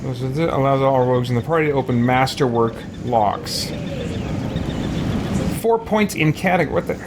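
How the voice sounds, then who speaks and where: With game audio filling the background with noise, a man hosting a let's play rambles casually through his gameplay commentary and lets out exasperated exclamations. He has a medium-pitched voice and speaks at a moderate pace.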